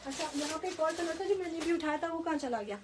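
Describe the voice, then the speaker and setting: Hoarse, high-voiced woman selling clothes live. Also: fast talker, background noise. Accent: Pakistani Urdu. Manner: enthusiastic, chatty, repeats prices. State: sore throat, hoarse. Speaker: online clothing seller. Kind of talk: live-stream sales pitch.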